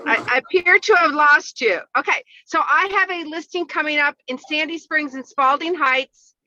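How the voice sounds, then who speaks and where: A woman's voice: high voice, normal speed, sharp tone. Woman on a warbling call line. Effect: wobbly warbling call audio. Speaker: real estate agent. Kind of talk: casual team meeting update. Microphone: phone call into the meeting. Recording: dull, muffled phone audio.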